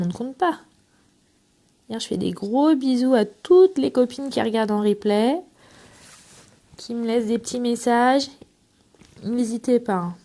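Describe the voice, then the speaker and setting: A woman's voice: a little high, warm tone. A middle-aged woman hosting a casual scrapbooking tutorial, chatty and affectionate with her viewers as she works. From France. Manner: chatty and affectionate, talks to viewers while working. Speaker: craft demonstrator and channel host.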